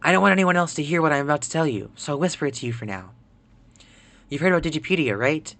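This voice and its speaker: A man's voice: a little high, expressive, fast, creaky. A man reading as a secretive website administrator. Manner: hushed, urgent reading of game dialogue. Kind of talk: reading game dialogue aloud.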